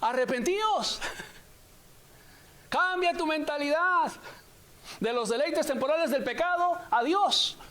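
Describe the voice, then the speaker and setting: A man with a very high-pitched voice delivers a sermon. He preaches with emphasis, repeating phrases and stretching the important words out slowly for weight. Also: fairly bright tone.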